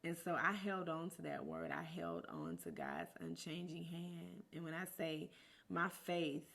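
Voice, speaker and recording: A woman's voice: deep voice, big pitch swings, a little slow, vocal fry, fairly bright tone. A woman hosting a podcast, speaking in an earnest, encouraging monologue rooted in faith, often repeating words for emphasis. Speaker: podcast host.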